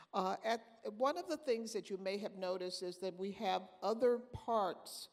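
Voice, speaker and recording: A woman hosting a conference session, introducing judges with a halting, filler-heavy delivery. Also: fairly low pitch. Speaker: conference host. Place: large conference hall. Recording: hall reverb.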